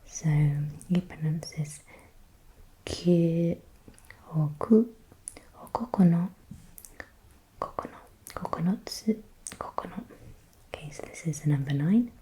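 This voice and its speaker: A woman whispering softly in ASMR style, slowly repeating words and thinking aloud as she guesses. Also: fairly low pitch, animated, a little hiss or hum, rough recording. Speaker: ASMR creator.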